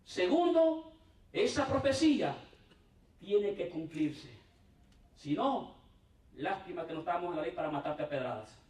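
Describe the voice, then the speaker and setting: A male pastor delivers a sermon in an echoing church hall, heard from some distance. His voice sits a bit high for a man. He talks to the congregation directly and swings from raised, emphatic lines to hushed ones. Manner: conversational preaching, often calling out to the congregation.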